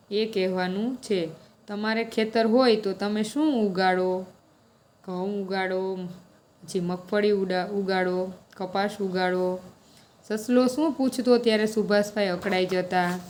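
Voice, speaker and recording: A teacher reads a children's story aloud, then patiently works through the lesson questions, explaining each answer step by step. Her voice is mid-range with a darkish tone, and there's slight background noise.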